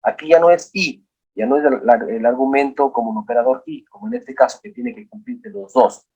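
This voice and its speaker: A man teaching a software lesson, walking through each step aloud and often asking his students to look at the screen. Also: fairly high pitch, slightly rough, dull audio. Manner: walks through steps aloud, often prompting "look here".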